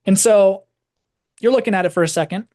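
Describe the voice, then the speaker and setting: A man's voice: high voice, brisk, mellow. A man giving a casual, rambling storytelling talk to a live audience, peppering his speech with "like". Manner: casual, rambling, heavy use of "like". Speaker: presenter.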